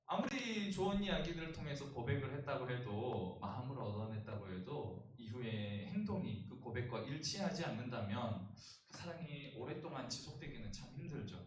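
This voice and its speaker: A man's voice: mid-range voice, lively intonation, normal speed, a little hiss or hum. A male pastor preaching a youth sermon, joking and asking the congregation questions. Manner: humorous, asks the congregation questions. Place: church sanctuary. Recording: echoey church hall, distant mic.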